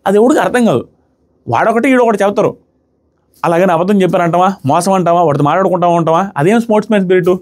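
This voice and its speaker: Man, sarcastic show review, quick talker, high-pitched. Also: darkish tone. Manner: sarcastic, acts out what people said. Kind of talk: casual commentary review.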